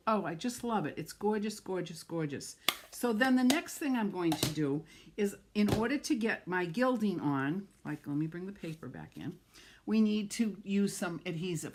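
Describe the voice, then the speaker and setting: A middle-aged woman with a New England accent and a medium-pitched voice chats and gushes while demonstrating card making on a live stream, greeting viewers by name.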